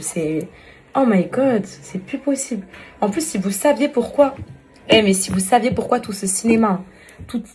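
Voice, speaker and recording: A woman talking casually to her followers in a vlog, venting in a repetitive, exasperated way and walking through a beauty routine. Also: mid-range voice. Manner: exasperated, venting, repeats herself; chatty beauty tutorial. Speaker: social media influencer.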